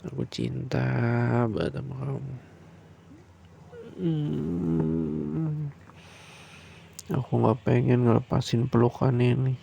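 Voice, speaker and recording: Gravelly, slow-talking man murmuring softly. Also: medium pitch, dull audio, slight background noise. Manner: soft, slow, soothing bedtime talk. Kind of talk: boyfriend roleplay ASMR.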